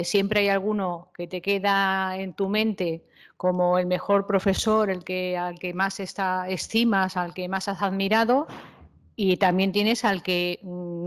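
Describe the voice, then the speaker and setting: A woman's voice: mid-range voice, clear, resonant tone. A woman with a Spanish accent, a teacher on a panel, speaking conversationally with hesitant fillers. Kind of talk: panel talk answering questions.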